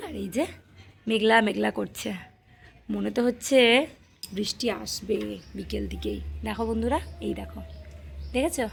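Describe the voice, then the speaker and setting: A hoarse, high-pitched woman talks to her little one at home in a casual phone vlog, her voice gravelly with fry. She coaxes and fusses like a mother, and a faint hiss sits under the recording. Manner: coaxing, motherly talk to a small child. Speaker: mother and vlogger. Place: indoors at home.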